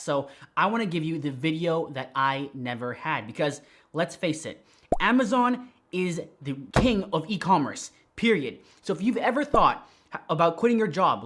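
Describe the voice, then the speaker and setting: A man teaching how to start an online business, talking straight to camera in a direct, energetic way, with a slight whistle on his S sounds. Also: a little high. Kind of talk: tutorial to camera.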